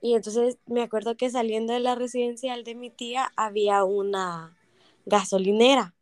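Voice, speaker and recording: Mujer centroamericana contando anécdotas, voz aguda. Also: female voice, on the high side, moderate pace, dry recording. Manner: animated, acts out quoted voices. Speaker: podcast co-host. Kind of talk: casual storytelling chat.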